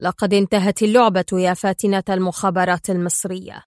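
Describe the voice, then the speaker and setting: A stern male gunman from a spy storybook, read by a woman storyteller. He speaks firmly and a bit louder, in a dry, close sound. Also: lowish voice, little pitch movement, fast talker, no room sound, lightly acted.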